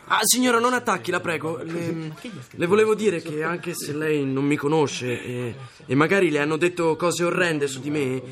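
Actor as hesitant, high-pitched young [name]. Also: male voice, moderate pace, a bit bright, close to an everyday voice. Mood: nervous, pleading. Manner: hesitant, stammering. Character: young [name], smitten, pleading, charming rock star. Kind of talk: radio drama acting. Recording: music behind the voice.

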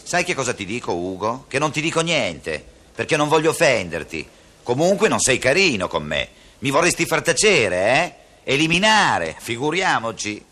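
A man's voice: mid-range voice, sing-song, normal speed, bright, forceful tone. A man playing a nagging, moralizing conscience in a radio comedy sketch, coaxing and scolding by turns. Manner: coaxing, scolding, repeats the other man's name. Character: nagging moralizing male conscience, talkative and reproachful. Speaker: comic actor.

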